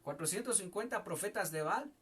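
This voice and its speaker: A male pastor preaching a home sermon, calling listeners "brother" and swinging between loud emphasis and quiet telling. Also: high-pitched, lively intonation, a little fast, husky. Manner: preaching, repeats "hermano" often, rising and falling loudness.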